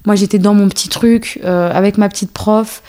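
A woman in her thirties, born in Algeria and raised in a French suburb, speaks at a moderate pace in a medium-pitched, steady, warm voice. She's a choreographer and dance teacher appearing as a guest in a casual interview, and her speech is full of fillers and restarts.

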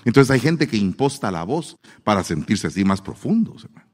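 Animated preacher in a reverberant hall. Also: male voice, on the low side, fairly quick. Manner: animated, acts out quoted voices. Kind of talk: sermon with humor.

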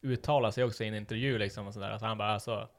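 A man's voice: fairly low pitch, steady tone. A man in casual podcast chat, ranting and heated and swearing freely as he tells a story.

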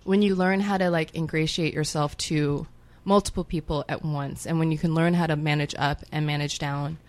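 A woman's voice: sits low, steady tone, normal speed, no room sound. A woman in her thirties who grew up in Hong Kong, chatting as a podcast guest in a wry, self-mocking way and swearing freely. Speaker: guest writer. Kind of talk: casual podcast chat.

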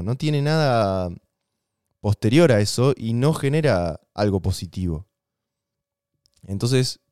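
An Argentine man talks through relationship advice in a loose, conversational way, leaning on slang and everyday examples. His voice is smooth and clear. The sound is dry and close. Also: medium pitch, a little mellow, dry recording. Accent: Rioplatense Spanish. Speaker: podcast co-host. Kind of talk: casual relationship advice chat.

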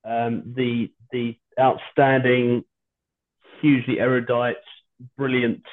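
A low-quality stream carries the thin, narrow voice of a British man. He hosts a podcast in a loose, chatty way, hesitating and rambling with dry humour. It sounds like a video call made from home without a proper microphone. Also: flat delivery, takes it slowly. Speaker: podcast host. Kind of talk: casual chat. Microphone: video call without his usual microphone.

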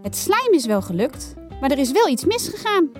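A woman's voice: high voice, sing-song, moderate pace, faint music behind, pitched above the performer's own voice. A woman voicing a chatty, sensible girl who likes to explain things.

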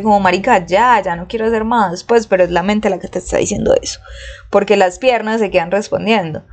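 A young woman with a Colombian accent, telling a personal story in casual, slangy talk and acting out the quotes. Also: mid-range voice. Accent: Colombian Spanish. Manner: slangy, animated, acts out quotes.

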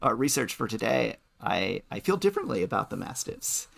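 A man's voice: mid-range voice, big pitch swings, fairly quick, vocal fry, fairly bright tone. A man co-hosting a podcast, talking things through thoughtfully and often restarting his sentences. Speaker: podcast co-host. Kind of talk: casual chat.

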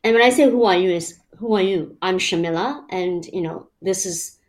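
This is a Malaysian woman guesting on an interview, her voice on the low side and her pace moderate. Thoughtful and casual, she numbers off each step of her explanation while peppering it with "you know" fillers.

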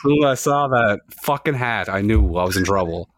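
A man's voice: fairly low pitch, lively intonation, normal speed, heavy background noise. A man hosting a casual podcast, reading out trivia questions and multiple-choice options to his friends and swearing freely. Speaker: podcast host running trivia quiz.

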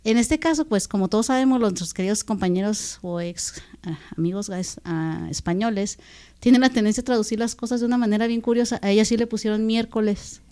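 A woman's voice: medium pitch, brisk, mellow. A woman co-hosting a casual podcast, explaining at length and laughing easily. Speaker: podcast co-host. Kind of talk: casual chat.

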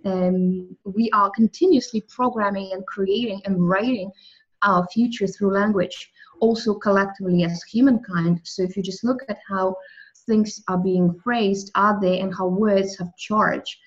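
Unhurried and steady in tone, a woman's mid-range voice comes through a lo-fi recording as she muses on soul and language. A guest in a spiritual interview whose first language is Russian, she's thoughtful and restarts often.

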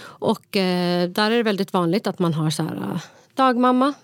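A woman's voice: medium pitch, clean tone, no echo. A woman co-hosting a podcast, telling a personal story in casual talk and mixing in English phrases. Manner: storytelling, mixes in English phrases, many fillers. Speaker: podcast co-host. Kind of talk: casual conversation.

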